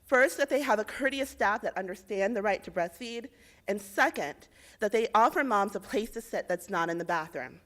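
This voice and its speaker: A young woman from Indiana giving a rehearsed policy pitch, with measured, persuasive delivery of facts and figures. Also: lively intonation, a bit bright. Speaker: presenter in a policy pitch competition.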